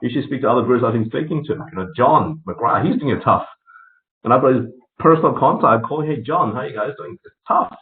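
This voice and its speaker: A man's voice: medium pitch, animated, fairly quick. Man hosting a group voice call. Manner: chatty, laughs between points, many fillers. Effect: group voice call, heard over a conference line. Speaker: meeting host for a real estate network. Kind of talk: casual business meeting update. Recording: tinny echoey call line with faint hiss.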